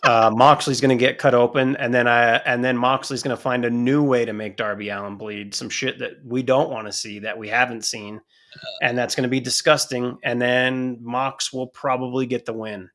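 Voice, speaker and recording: A man's voice: mid-range voice, fairly even intonation, moderate pace, a bit bright. A man co-hosting a podcast in casual chat, blunt and swearing freely, often cutting in over his co-host.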